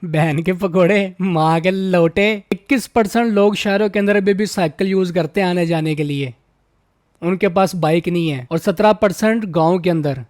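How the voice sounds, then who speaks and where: A man's voice: sits high, normal speed, a little mellow, dry recording, clean studio sound. A man hosting a roast video, mocking and insulting in a ranting tone. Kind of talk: roast commentary.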